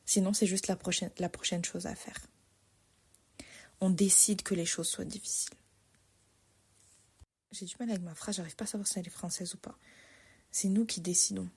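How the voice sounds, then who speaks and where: Breathy low-voiced woman hosting a podcast. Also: fairly even intonation, normal speed, long pauses, a little mellow. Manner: reflective, repeats key phrases for emphasis; self-correcting, unsure of her own wording. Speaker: podcast host. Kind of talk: solo motivational podcast monologue.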